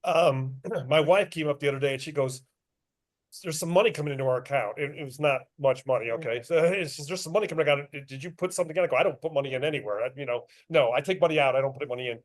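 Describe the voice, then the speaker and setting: A middle-aged man speaks quickly in a fairly high voice as an author at a club meeting. Casual and chatty, he jokes at his own expense, laughs often, and handles questions.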